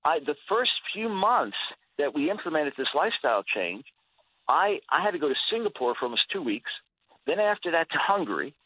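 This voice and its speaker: Guesting on a radio interview, a man in his sixties talks briskly in a slightly rough, sing-song voice on the high side. He's earnest and emphatic, repeating words as he opens thoughts; the phone-line audio is tinny and dry, with no room sound.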